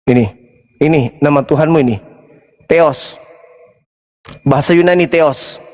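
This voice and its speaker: A man's voice: fairly high pitch, unhurried, a little mellow, in a large hall. A male Islamic preacher in a heated debate, insistent and mocking, repeating his points again and again.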